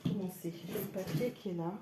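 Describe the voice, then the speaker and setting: A woman's voice: fairly low pitch, steady tone, fairly quick, heavy background noise. A woman chatting casually while unboxing craft supplies live, thinking aloud with many hesitations. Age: adult with a day job. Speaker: craft product seller.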